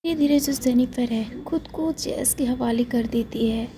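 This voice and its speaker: A woman's voice: fairly high pitch, measured pace, dark tone, slight background noise, rough recording. A woman with an Indian accent casually narrating a romance story, repeating fillers as she goes. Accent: Hindi-speaking Indian. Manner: repetitive, filler-laden retelling.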